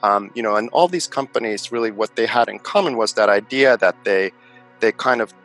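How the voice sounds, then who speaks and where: Bright-voiced low-pitched Finnish-born man. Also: brisk, faint music behind, rough recording. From Finland. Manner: thoughtful, many fillers and restarts. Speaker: venture investor guest. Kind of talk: conversational interview answers.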